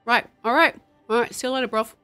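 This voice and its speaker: Swaggering street tough, mock British slang, lower than her own voice, put on by a woman streamer. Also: fairly even intonation, quick pace, sharp tone, clean tone, faint music behind.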